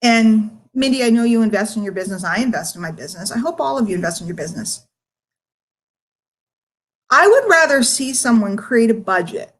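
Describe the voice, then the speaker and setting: A middle-aged woman who works as a marketing coach chats casually with her online followers on a live stream, candid and rambling, making emphatic points directly to the listener. Her voice is fairly high-pitched, animated, and brisk.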